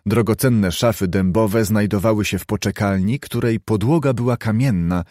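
A man narrating a classic novel in an audiobook, reading at a measured, even pace. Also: lowish voice, no echo, clean studio sound. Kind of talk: scripted literary narration.

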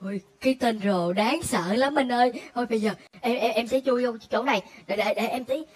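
A woman's voice: a little high, a little fast, close to an everyday voice. A woman voicing a frightened little boy trapped in a Minecraft role-play, whimpering and pleading with his big brother. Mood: scared.

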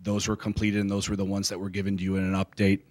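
A middle-aged man giving a measured, formal report to a city council into a handheld mic in a council chamber. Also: deep voice. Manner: measured, steady bureaucratic delivery. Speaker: city public works staff reporting to council. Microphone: handheld microphone.

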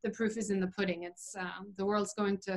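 A woman's voice: medium pitch, flat delivery, fast talker. A woman talking as an interview guest over a video call, earnest and opinionated, with frequent fillers as she explains things. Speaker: interview guest, vegan chef. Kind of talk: casual conversational interview.

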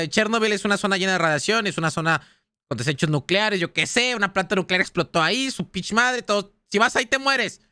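A Mexican man streaming a survival horror game live, chatting excitably and casually with his viewers in slangy speech. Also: high-pitched, dry recording. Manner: chatty, excitable, slangy, talks straight to chat. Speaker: gaming streamer. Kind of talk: live gaming commentary.

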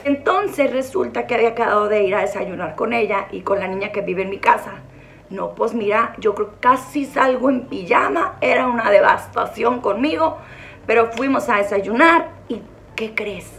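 A woman in her forties from Sinaloa, Mexico, with a hoarse voice, chatting playfully with her viewers in a casual vlog. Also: a little high, moderate pace, fairly bright tone, a little hiss or hum. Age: 40s. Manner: playful, teasing, theatrical greetings. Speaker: vlogger host.

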